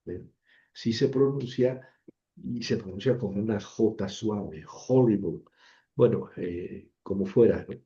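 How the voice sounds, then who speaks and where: A man's voice: fairly low pitch, measured pace, dark tone, muffled recording. A man teaching Biblical Greek in a chatty, self-mocking lecture, repeating words to drill pronunciation. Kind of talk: informal classroom lecture.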